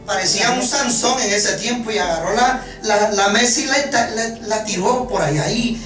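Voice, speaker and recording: A preacher giving a joking, animated sermon, often stumbling over repeated words. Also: medium pitch. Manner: animated, joking, halting restarts. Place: church hall. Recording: echoey room from far off, music behind.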